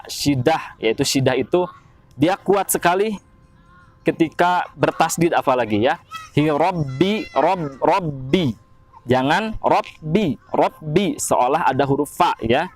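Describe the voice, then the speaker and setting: An Indonesian man teaching recitation rules, slowly chanting example verses between plain explanations. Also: a little high. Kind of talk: tajwid lesson with slow recited examples.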